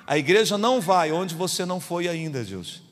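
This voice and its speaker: Brief: high-voiced male pastor, Goiás Brazilian accent, emphatic storytelling sermon, long hall reverb. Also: big pitch swings, moderate pace, a little hiss or hum. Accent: Brazilian Portuguese, Goiás. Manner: emphatic, storytelling preacher, rising to fervent peaks. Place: church sanctuary.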